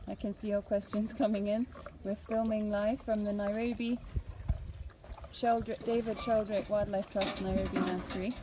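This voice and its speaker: A woman's voice: mid-range voice, flat delivery, normal speed. A woman giving casual live commentary outdoors as host, chatty and affectionate toward animals. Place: outdoors at an elephant nursery. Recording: outdoor ambience, clear background noise.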